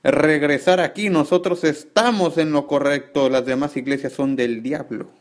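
Man doing a shrill, mocking zealot. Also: steady tone, normal speed, close to an everyday voice. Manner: mocking, exaggerated. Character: exaggerated zealous man condemning other churches.

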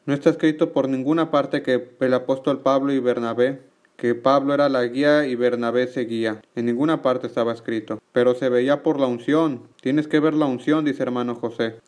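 A man relaying a preacher's teaching in an earnest, measured way, with small slips and restarts. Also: medium pitch, fairly even intonation, a little mellow. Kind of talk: religious teaching narration.

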